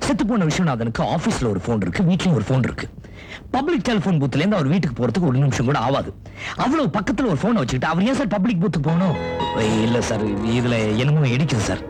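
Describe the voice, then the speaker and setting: An earnest reporter from a 1990s film, his tone rising and falling with lively swings. He speaks a touch high for a man and pleads his case with eager persistence, with faint music playing under him. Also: quick pace. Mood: insistent. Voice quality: earnest, persuasive, playful with a child. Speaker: newspaper reporter.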